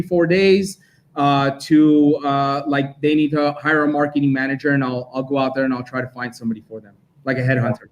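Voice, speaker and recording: A young man from Armenia, raised in Los Angeles, talking casually about his collecting as a guest. His voice sits a little high, and he rambles on freely with easy laughs. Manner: talkative, quick to laugh. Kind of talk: casual chat.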